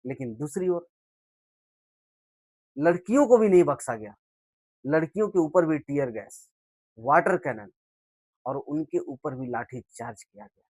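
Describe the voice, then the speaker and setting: A man giving impassioned political commentary, speaking rhetorically and swinging between loud emphatic bursts and low, quiet lines. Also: dry recording. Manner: rhetorical, swells and drops in loudness for emphasis.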